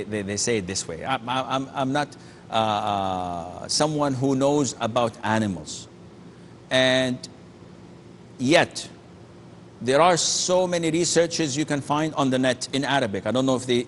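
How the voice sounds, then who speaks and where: A man's voice: mid-range voice, a little hiss or hum. Earnest, emphatic male sheikh. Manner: earnest, emphatic, with frequent restarts and Arabic phrases. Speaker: sheikh answering callers' questions. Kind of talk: call-in religious Q&A.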